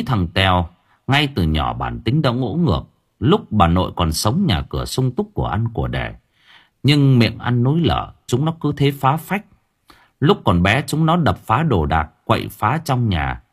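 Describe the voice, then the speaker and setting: A man narrating an audiobook story in an expressive storytelling manner. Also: lowish voice, breathy edge. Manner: expressive, swinging voice for drama.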